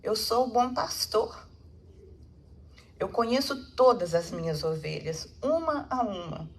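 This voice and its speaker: A serene male teacher speaks with tender, unhurried solemnity, as a woman lecturer gives him voice. The tone is measured and poetic, with a slightly gravelly grain. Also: high voice, animated, exaggerated voice.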